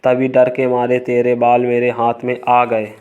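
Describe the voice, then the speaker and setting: A man reading the lines of a gentle but cunning old foster mother in a flat, even voice. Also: medium pitch, a little slow, smooth, highs cut off, close to an everyday voice. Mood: coaxing.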